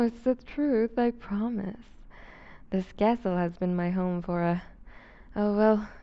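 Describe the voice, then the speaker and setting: A woman playing a seductive, predatory vampire duchess in an intimate ASMR roleplay, refined, teasing and condescending, with a breathy voice that slips toward a whisper. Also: mid-range voice, muffled recording. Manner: refined, teasing, condescending, deliberate formal diction.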